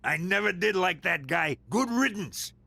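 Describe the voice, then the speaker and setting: A man's voice: high voice, lively intonation, normal speed, gravelly, background noise, full character voice. A man voicing a dim-witted, goofy cartoon mob henchman in a dopey bellow. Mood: dopey, pleased.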